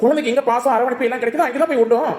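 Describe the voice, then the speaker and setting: A woman's voice: fairly high pitch, darkish tone, lightly acted. A woman voicing a stern but caring village husband and father with a Tirunelveli Tamil accent, lecturing in a cartoon. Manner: lecturing, rapid-fire. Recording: echoey with music.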